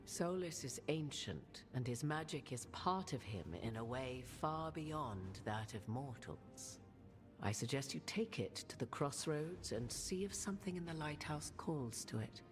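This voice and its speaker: A grave, commanding woman counsels the Inquisitor in a fantasy game. Her voice sits very low but moves widely in pitch. Game music plays beneath her. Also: expressive, unhurried. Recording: game audio with music underneath.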